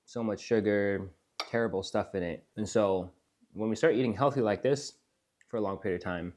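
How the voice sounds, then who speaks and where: A man, a fitness coach talking casually to camera in a relaxed, chatty vlog, sometimes speaking with his mouth full. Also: lowish voice.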